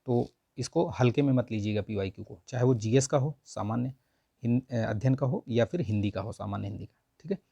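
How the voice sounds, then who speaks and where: Husky, dark-voiced male Hindi teacher. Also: medium pitch, brisk, no echo, muffled recording. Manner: repeats "theek hai" constantly, coaxing and explanatory. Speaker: exam prep teacher. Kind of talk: online Hindi grammar lesson.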